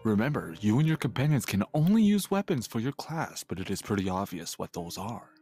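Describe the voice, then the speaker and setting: Game shopkeeper, flirty female agent, played by a man: sultry ASMR role-play, deep pitch. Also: big pitch swings, fairly quick, warm tone, husky, faint music behind. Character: flirty female agent running a weapons shop.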